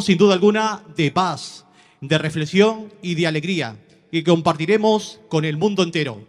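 Big echoey mc guy, high voice, grand formal announcing. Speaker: master of ceremonies. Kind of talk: formal ceremonial event announcing. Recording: long reverberant PA-like echo.

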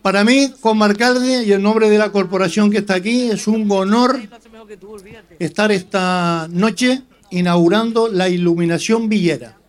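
A man's voice: high-pitched, moderate pace. A man speaking as mayor, giving a ceremonial speech at a public festive event.

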